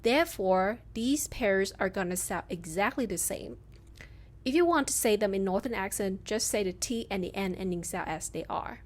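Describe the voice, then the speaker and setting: A woman with a Southern Vietnamese accent teaching pronunciation in a scripted lesson, reading sounds out slowly one by one. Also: medium pitch. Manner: slow, careful, reads sounds out one by one. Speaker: language teacher.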